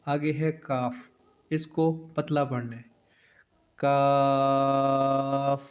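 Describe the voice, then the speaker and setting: A man teaching the Arabic alphabet for Quran reading, drawing out each letter name slowly and adding short spoken instructions between them. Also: on the high side, steady tone, a little mellow. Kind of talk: letter-by-letter recitation lesson. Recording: dull lo-fi recording.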